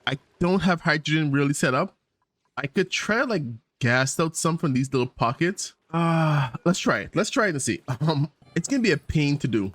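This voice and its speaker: A man's voice: on the high side, fairly bright tone, no echo. Upbeat man rambling over gameplay. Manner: rambling, upbeat, thinks aloud with fillers and small laughs. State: tired morning voice. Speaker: gaming channel host. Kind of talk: casual let's-play commentary.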